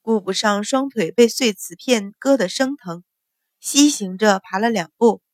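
A woman's voice: mid-range voice, measured pace, no room sound, clean studio sound. Woman narrating a period novel. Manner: steady, even reading with voiced dialogue. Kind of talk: scripted storybook narration.

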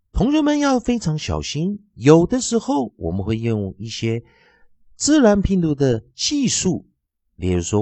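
A man's voice: on the high side, a little mellow, no echo. A man teaching an English phonics lesson, spelling out letters and repeating each sound and word several times.

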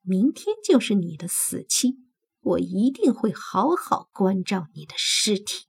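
Woman doing a male audiobook villain, young, cruel, spiteful, sneering, taunting, very husky breathy voice. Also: a little high, sing-song, moderate pace, exaggerated voice. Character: cruel spiteful young man, a half-human monster. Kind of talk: audiobook character voice.

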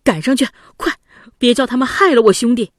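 A woman's voice: fairly low pitch, lively intonation, measured pace, slightly rough, no echo, studio quality. A woman reading as a grieving young prince. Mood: urgent. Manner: pleading, cries out in anguish. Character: young male prince, loyal, grief-stricken elder brother. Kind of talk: storybook reading.

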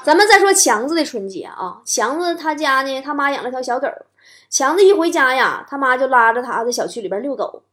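A woman talk show host, doing an animated stand-up comedy monologue with playful punchlines. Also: high-pitched, fairly quick.

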